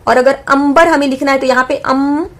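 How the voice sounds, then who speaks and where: Patient woman teacher, slightly high voice. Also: steady tone. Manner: patient, repeats and slowly stretches example sounds. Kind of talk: classroom-style lesson explanation.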